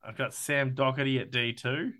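Bright, excitable Australian male podcast co-host who swears casually. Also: medium pitch, moderate pace. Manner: excitable, swears freely, keeps addressing his co-host. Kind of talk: casual sports podcast chat.

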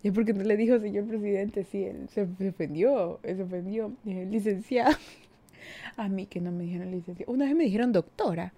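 A young woman in her twenties with an Ecuadorian Spanish accent speaks a little fast in a mellow, medium-pitched voice. As a podcast host she chats casually, reads listener comments and giggles often, poking fun at herself.

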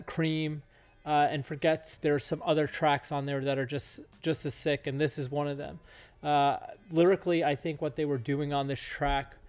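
Man, podcast host, laid-back, rambling with fillers, higher voice. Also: smooth. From Southern California. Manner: relaxed, filler-heavy rambling. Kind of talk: casual podcast intro and interview.

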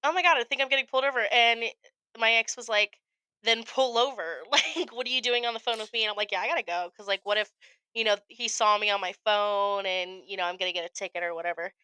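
Speaking at a quick pace with a medium-pitched, smooth voice, this podcast co-host is a young American woman recorded without any room sound. Her casual storytelling is animated, full of acted-out quotes and frequent profanity.

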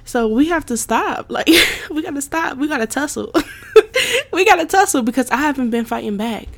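A woman's voice: high-pitched, lively intonation, brisk. Emphatic young woman podcaster, chatty and repetitive. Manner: emphatic, repetitive, frequent "like" fillers, laughs often. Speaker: podcast host. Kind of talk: casual solo podcast monologue.

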